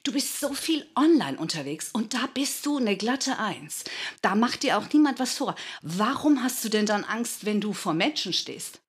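A woman in her fifties giving lively, demonstrative advice as a speaking coach in a studio talk. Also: a little high, moderate pace, breathy edge. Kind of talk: instructive advice in a talk show.

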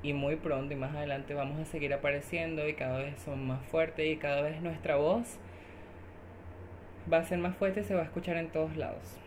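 A woman's voice: deep voice, fairly even intonation, normal speed, a little hiss or hum. A woman guest on a podcast, speaking emphatically and often agreeing with the host, stacking up repeated phrases. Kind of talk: casual podcast conversation.

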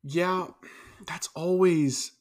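A man's voice: fairly high pitch, fairly even intonation, extremely slow. A man co-hosting a casual sports podcast, talking loosely with restarts and wry asides. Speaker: podcast co-host.

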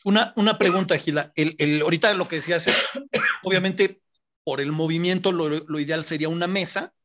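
A man's voice: fairly high pitch, fairly quick, a bit bright, slight background noise. A man hosting an interview, asking questions with frequent restarts and hesitations. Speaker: host.

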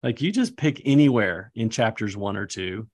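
A man's voice: fairly low pitch, animated, normal speed. A man co-hosting a casual scripture teaching discussion, easygoing and filler-heavy, laughing lightly as he talks.

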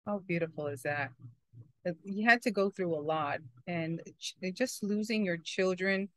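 A woman's voice: on the low side, moderate pace, a bit bright, no echo. A woman hosting an interview, speaking effusively and affirming her guest. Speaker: host. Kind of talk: broadcast interview.

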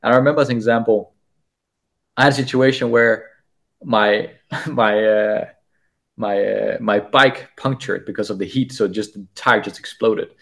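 A man's voice: lowish voice, steady tone, moderate pace, gravelly, fairly bright tone. A man speaking as a podcast guest, telling a story casually, often stumbling and repeating words as he goes.

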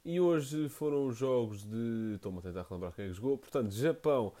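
A man's voice: medium pitch, expressive, a little fast, mellow. A man with a European Portuguese accent casually introducing a football podcast as its host.

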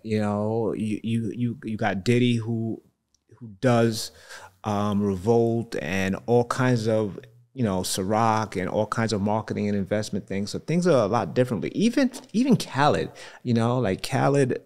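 A man's voice: fairly low pitch, steady tone, a little slow, darkish tone. A man with a Brooklyn accent in casual podcast chat, slangy and conversational, often saying "you know". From Brooklyn, New York. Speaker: podcast guest, real estate entrepreneur.

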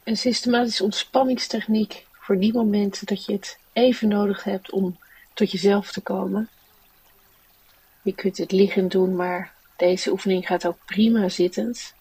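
A woman leading a guided relaxation in a soft, soothing, unhurried manner. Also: medium pitch, fairly even intonation, breathy edge, recorded from a distance, rough recording. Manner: soft, slow, soothing guiding delivery. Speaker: mindfulness teacher and meditation guide.

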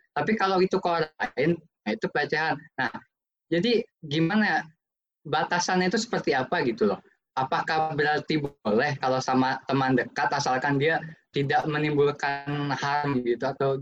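A man's voice: fairly high pitch, a bit bright, dull audio. A man moderating a discussion, asking questions and handing the floor to panelists.

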